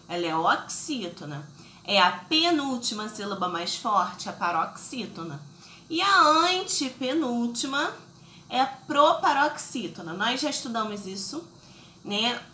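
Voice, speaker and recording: Lively bright-voiced schoolteacher. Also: female voice, on the high side, echoey room, a little hiss or hum. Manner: patient, explains step by step with many check-ins. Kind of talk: recorded remote lesson for children.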